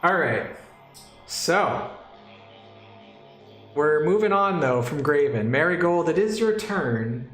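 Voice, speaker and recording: A man's voice: fairly high pitch, lively intonation, takes it slowly, long pauses, roomy sound, soft background music. Joking man running a tabletop game. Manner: joking, self-deprecating. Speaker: dungeon master. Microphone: desk mic for a stream.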